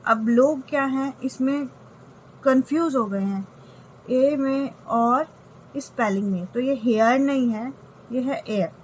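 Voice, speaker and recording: A woman English teacher walks through a grammar lesson at an unhurried, deliberate pace. Her voice sits a little high, and she keeps stopping to check that her students are following. Faint background noise sits under her voice. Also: poor audio. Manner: explains step by step, often checking with "okay".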